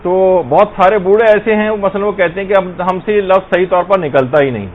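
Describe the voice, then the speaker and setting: A man's voice: high-pitched, phone-quality sound. A man giving a patient, step-by-step religious lesson with examples. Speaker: religious teacher.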